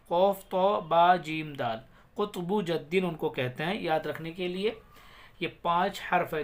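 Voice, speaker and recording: A man with a Pakistani Urdu accent teaches Quran recitation rules with patience and repeats each word. His voice sits high, and he stretches the words into a slow, melodic chant when he recites. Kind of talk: tajweed lesson, explaining then reciting slowly.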